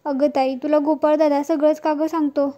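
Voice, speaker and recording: A woman's voice: high-pitched, level tone, a little fast, mellow, dull audio, lightly acted. A woman voicing a restless, impatient schoolgirl who dodges her studies. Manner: impatient, evasive.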